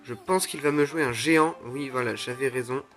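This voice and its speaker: A young man commenting live on his own mobile game matches, excitable, groaning and exclaiming at each play. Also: medium pitch, brisk. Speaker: gaming YouTuber. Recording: faint music under the voice.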